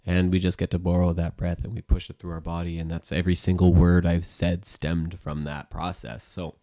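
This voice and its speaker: A man, a music teacher and sound therapist, gently explains a guided sound-healing exercise in calm, unhurried talk with frequent fillers. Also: low-pitched, dry recording, studio quality.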